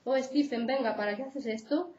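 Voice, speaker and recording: A man caught in an abusive relationship, read aloud by a woman with a Spain Spanish accent, speaking plainly and pleadingly. The voice sits a little high. The sound is roomy and slightly dull, as in a lecture room. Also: moderate pace, a little mellow, recorded from a distance, close to an everyday voice. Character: adult man, battered partner, narrator of the case.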